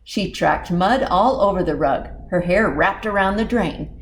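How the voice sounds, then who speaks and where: Reading expressively at an unhurried pace, a children's librarian with a lowish voice shares a storybook at storytime and speaks asides directly to the kids. There's slight background noise.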